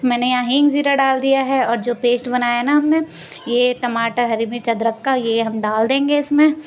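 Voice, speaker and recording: A woman's voice: a little high, steady tone, normal speed. A woman chatting casually through a cooking vlog in her home kitchen, chuckling and laughing at her own slips of the tongue. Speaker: vlogger.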